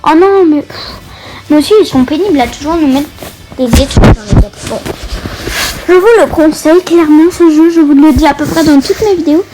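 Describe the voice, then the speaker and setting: Woman, high voice, casual gameplay commentary, stumbles and restarts while reading on-screen text. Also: a little fast. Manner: reads game text aloud with many hesitations. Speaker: gaming video creator. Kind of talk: casual let's-play commentary.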